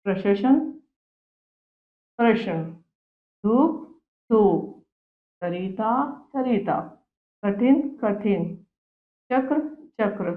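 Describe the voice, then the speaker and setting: A woman teaching a grammar lesson to young pupils, speaking slowly, repeating each word and answering her own questions. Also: on the high side. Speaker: Hindi teacher. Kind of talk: classroom lesson for children. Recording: echoey room, tinny phone-like sound.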